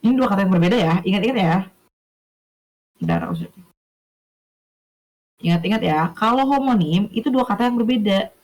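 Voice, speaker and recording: A woman's voice: mid-range voice, sing-song, a little fast, pauses often, darkish tone, rough recording. A young woman teaching a casual online lesson, chatty, stopping often to check that listeners follow and correcting herself as she goes. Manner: chatty, checks understanding with questions, self-corrects.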